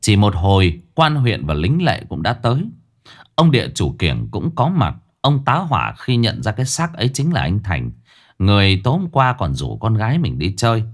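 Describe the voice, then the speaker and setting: A man's voice: lowish voice, wildly swooping pitch, normal speed. A man narrating a ghost story in a theatrical, swinging way. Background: faint music.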